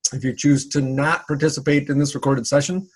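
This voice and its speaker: A man's voice: fairly high pitch, steady tone, fairly quick, breathy edge. A man hosting a casual social hour on a video call, chatty and full of fillers and repeated words. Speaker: event host.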